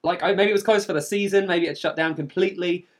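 A man's voice: high-pitched, fairly even intonation, quick pace. A man hosting a travel podcast, telling stories casually and animatedly, acting out what people said. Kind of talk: casual chatty travel storytelling.

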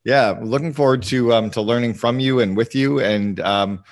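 A man's voice: mid-range voice, moderate pace, no room sound. A man hosting a podcast, asking questions in a casual, upbeat way. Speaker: podcast host. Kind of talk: interview conversation.

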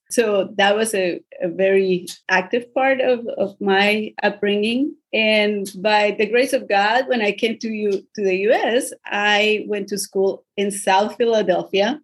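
A middle-aged woman from Colombia, a podcast guest telling her life story in a reflective way. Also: medium pitch. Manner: reflective, storytelling with small restarts. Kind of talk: storytelling interview.

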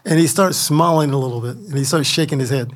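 Older Midwestern man, chatty guest storyteller, slightly high voice, laughs a lot. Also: quick pace. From Midwestern United States. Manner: animated storyteller, laughs often, many you-knows. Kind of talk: casual storytelling interview.

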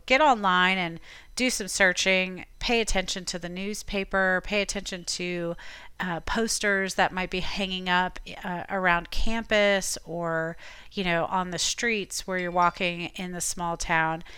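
A woman from Florida hosting a podcast, giving chatty, encouraging advice in a relaxed conversational way. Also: lowish voice, clear, resonant tone, dry recording. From Tampa, Florida. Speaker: podcast host. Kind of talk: casual advice talk.

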